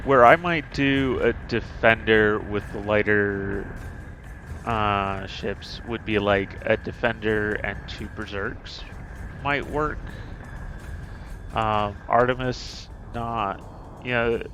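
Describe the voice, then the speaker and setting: A man talking casually through game strategy while streaming, thinking aloud with many pauses and fillers. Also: lowish voice, steady tone, fairly bright tone, a little hiss or hum.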